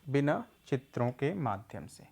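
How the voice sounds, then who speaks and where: A man's voice: mid-range voice, big pitch swings, gravelly, a little mellow, slightly rough. Guy teaching a reading class, patient, asks then answers himself, says words twice, mid voice. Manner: repeats words slowly for learners. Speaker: literacy teacher. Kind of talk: recorded reading lesson.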